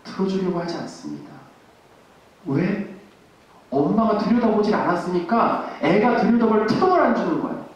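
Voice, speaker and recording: A man's voice: high voice, lively intonation, normal speed. A male priest giving an earnest talk to parents, often asking the audience a question and then answering it himself. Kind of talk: parish lecture to parents. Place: parish hall. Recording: echoey hall from far off.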